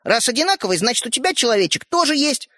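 A man's voice: extremely high pitch, very animated, fast talker, sharp tone, no echo, clean studio sound, voice pushed up, full character voice. A man voicing a sensible, cautious young boy in a storybook reading, doubtful and fretful. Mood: worried.

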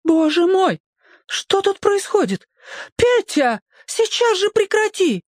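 A shrill storybook mother, frightened and scolding, her voice leaping far above the narration. She shouts orders in a high, panicked pitch. The sound is close and dry. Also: very animated, slow, no echo, exaggerated voice.

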